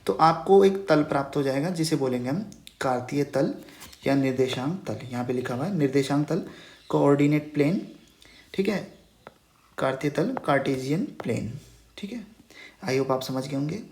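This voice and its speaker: A man's slightly high, darkish voice with lively intonation carries a Hindi math lesson over a whiteboard, echoing in a roomy space. He speaks at a moderate pace with long pauses, patiently repeating key terms as questions and checking in with "okay" almost every phrase.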